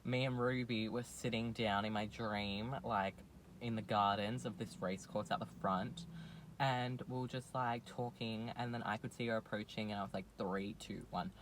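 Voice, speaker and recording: A man's voice: on the low side, steady tone, moderate pace, a bit bright, slight background noise. A young man, casually chatting and rambling through a story, full of fillers. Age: young adult. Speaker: vlogger. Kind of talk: casual chat.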